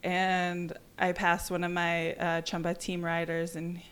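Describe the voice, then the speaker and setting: A woman's voice: fairly low pitch, unhurried, clean tone. A young adult woman, a podcast guest, telling a story in casual talk and acting out what people said. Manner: animated, acts out quoted exchanges. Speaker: podcast guest, endurance cyclist. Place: office, indoors.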